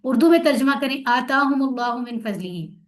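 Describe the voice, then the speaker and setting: A woman teaching Arabic grammar in an online class, patiently drilling verb forms and repeating them slowly. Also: high-pitched, expressive.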